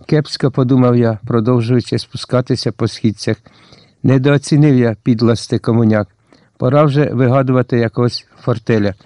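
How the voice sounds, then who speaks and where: A man narrating a first-person detective audiobook in a steady, wry storytelling manner, in a dry close recording. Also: medium pitch, no room sound.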